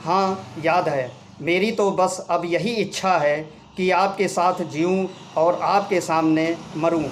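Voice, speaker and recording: A woman's voice: lowish voice, fairly even intonation, slow, slight background noise. A man voicing a middle-aged wife who teases and scolds her husband fondly. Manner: scolding then fond, homely.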